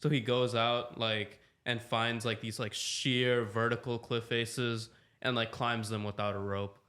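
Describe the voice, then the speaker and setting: A man in his twenties co-hosts a casual podcast, speaking at medium pitch in a flat, measured, pushed and bright voice. He rambles and fills his talk with "like".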